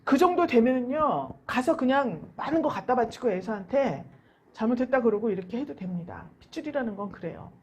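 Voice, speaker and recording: Woman, pastor, Sunday sermon, higher voice, swoops up and down a lot. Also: a little fast, slightly rough. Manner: animated storytelling preaching, asks rhetorical questions.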